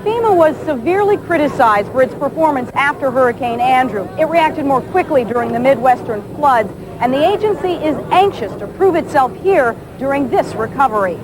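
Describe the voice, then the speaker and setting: A woman correspondent narrates a scripted news report. Her voice is fairly high, and clear outdoor noise sits behind it. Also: lively intonation, a little fast, few pauses.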